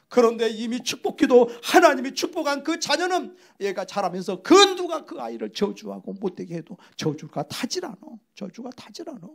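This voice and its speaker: A middle-aged Korean male pastor preaching a sermon, emphatic, swinging from loud exclamations to hushed whispers. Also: very high voice, vocal fry.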